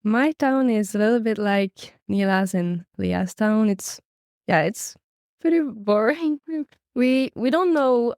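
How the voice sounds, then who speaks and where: A teenage exchange student from Belgium, talking in a relaxed way in a casual podcast interview. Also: female voice, medium pitch, clear, resonant tone, dry recording, studio quality. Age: teens.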